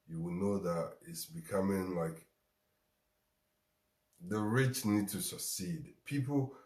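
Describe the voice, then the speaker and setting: A man's voice: low-pitched, a little mellow, roomy sound. A man with a Ghanaian accent hosting a show, giving a motivational talk and repeating lines for emphasis. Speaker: show host.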